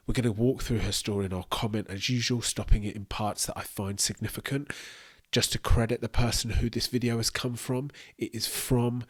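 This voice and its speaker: A man hosting a commentary video, speaking in a calm, measured way. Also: fairly low pitch. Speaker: host.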